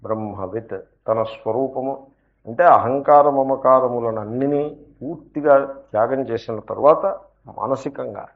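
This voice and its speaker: A man's voice: mid-range voice, creaky. Male spiritual teacher, dull old recording. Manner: explanatory, rhetorical questions, slow emphatic asides. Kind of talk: scripture lecture with commentary.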